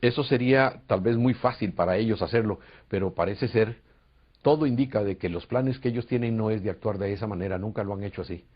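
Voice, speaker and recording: Earnestly telling a long story with hesitations, a man from Costa Rica talks fairly quickly in a fairly low pitch with a Costa Rican Spanish accent. He's the interviewee, a UFO contactee, and the recording is dull lo-fi.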